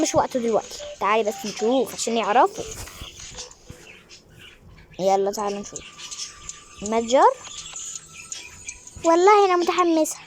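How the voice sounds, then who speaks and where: An Egyptian woman in her thirties giving chatty, excited commentary on a mobile game at home, now and then hushing her children. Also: high voice, a little hiss or hum. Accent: Egyptian Arabic. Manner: excited, chatty, scolding kids aside. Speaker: gaming YouTuber. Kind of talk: casual gameplay commentary.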